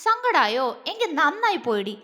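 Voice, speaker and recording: Woman reading a cocky young guy in a storybook, sneering and taunting, high voice, long reverb. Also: big pitch swings, moderate pace, sharp tone, heavily acted. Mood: mocking. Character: arrogant, mocking young man.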